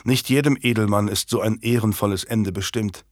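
A man voicing a grave, loyal nobleman in a historical audiobook, earnest and measured. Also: fairly low pitch, fairly even intonation, no room sound, studio quality, natural voice. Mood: gentle.

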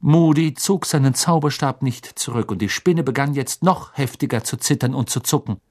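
A man reading an audiobook as narrator, measured and expressive storytelling. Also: mid-range voice. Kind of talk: scripted narration.

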